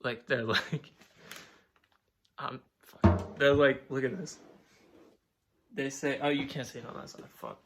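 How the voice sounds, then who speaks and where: A man's voice: medium pitch, fairly even intonation, measured pace, vocal fry, long pauses, heavy background noise. A young man talking to camera at home in a casual vlog monologue, rambling, swearing often and leaning on "like". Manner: rambling, profane, filler-heavy with "like". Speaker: vlogger.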